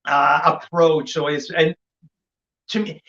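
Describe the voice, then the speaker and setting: A man's voice: fairly high pitch, level tone, slow, a bit bright. A man hosting a casual wine tasting and reviewing wines like a sommelier. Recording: dull, lo-fi audio.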